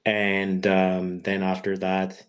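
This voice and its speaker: A man in his thirties gives a personal talk on a video call. His voice sits very low and stays quite flat. He tells his story haltingly, taking his time. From born in Peru, raised in Quebec, Canada. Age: 30s. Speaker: guest speaker. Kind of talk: personal talk on an online webinar.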